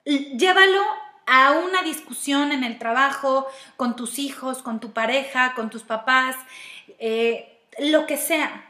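A woman's voice: sits high, takes it slowly, pushed and bright. A woman with a Mexican Spanish accent giving a reflective self-help talk, walking through steps and asking herself questions aloud. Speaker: speaker giving personal-growth advice. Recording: roomy echo.

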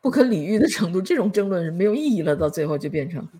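A woman's voice: on the low side, sing-song, quick pace, mellow, breathy edge. A woman hosting a podcast in casual chat, chatty and laughing often. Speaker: podcast host.

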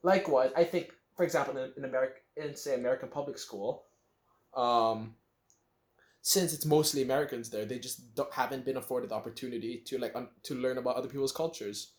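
A man's voice: mid-range voice, steady tone, fairly quick. A young man in his late teens co-hosting a casual podcast chat, rambling with lots of fillers and restarts. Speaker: podcast co-host. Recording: roomy echo.

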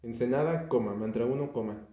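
A man's voice: medium pitch, brisk, mellow. A young Mexican man chatting casually about an album, hesitant and full of fillers and restarts. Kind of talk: casual podcast chat about music. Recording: echoey room.

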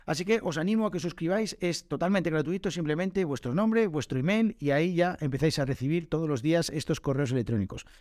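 Man, casual podcast host, slightly high voice, dry close mic, informal, fillers. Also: quick pace, hardly any pauses, darkish tone, no room sound. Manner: chatty, informal, with filler sounds and self-corrections. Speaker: podcast host and Spanish teacher. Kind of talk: casual solo podcast answering listener questions.

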